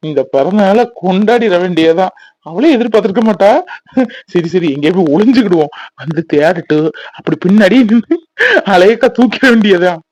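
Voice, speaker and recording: Prankster young husband, voiced by a man, teasing, playful, high-ish voice, dry close sound. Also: lively intonation, a little fast, a little mellow, no room sound, low-quality recording. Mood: scheming. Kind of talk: Tamil cartoon voice acting.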